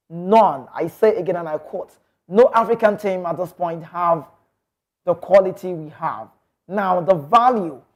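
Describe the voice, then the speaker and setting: Speaking in a high voice, this Nigerian sports talk show host gives fiery, opinionated football commentary loaded with forceful rhetorical questions.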